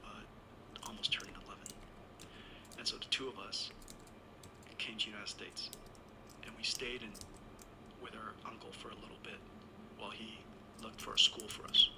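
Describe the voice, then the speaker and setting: He whispers at an ordinary pace, his voice low-leaning and fairly monotone. A Taiwan-born man in his sixties, he is recounting a long personal story conversationally during an interview, digressing and revising what he says.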